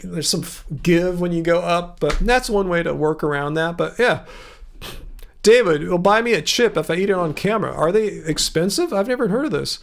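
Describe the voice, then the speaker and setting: A man's voice: high-pitched, animated, moderate pace, vocal fry. A man hosting a casual livestream, reading viewer comments aloud and answering them in a rambling, chatty way. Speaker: livestream host. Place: home room.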